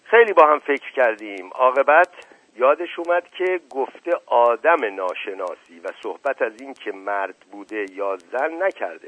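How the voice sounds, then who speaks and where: A man's voice: mid-range voice, a bit bright, no echo, voice pushed up. A man voicing a breezy, jovial middle-aged man who teases and schemes with confidence, in an audiobook reading. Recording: narrow phone-like radio recording.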